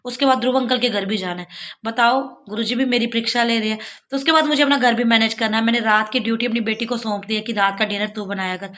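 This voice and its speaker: Her voice fairly high, steady and a bit bright, a fast-talking middle-aged devotional vlogger from Jammu, India, speaks earnestly to her viewers. She has a sore throat and alternates between pleading and explaining in a casual style.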